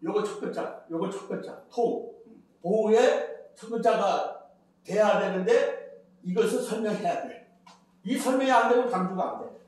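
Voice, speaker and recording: A man's voice: high-pitched, unhurried, darkish tone. An older man giving a rambling Bible lecture as a preacher, chatty, counting and repeating phrases. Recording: very echoey, from far off the mic.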